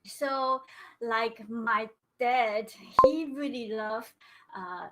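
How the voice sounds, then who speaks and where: A woman's voice: on the high side, extremely slow, pushed and bright, rough recording. A woman in her thirties from Taiwan with a Taiwanese Mandarin accent, a musician giving a casual online lecture, hesitant with many fillers and restarts, on a webcam in a small home music room. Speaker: erhu player giving a lecture recital. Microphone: webcam at a distance.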